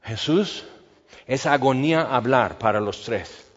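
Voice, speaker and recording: A man preaching an expository Bible sermon, teaching in a measured way and slowing down to stress his points. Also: mid-range voice, expressive. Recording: long reverb, dull lo-fi sound.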